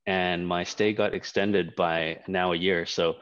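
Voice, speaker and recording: A man's voice: sits low, fairly even intonation, a little slow, fairly bright tone, no echo. A man in his thirties from Canada, born in Hong Kong, a startup co-founder talking casually in an interview with many fillers and restarts. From Hong Kong, raised in Canada. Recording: dull lo-fi dry sound.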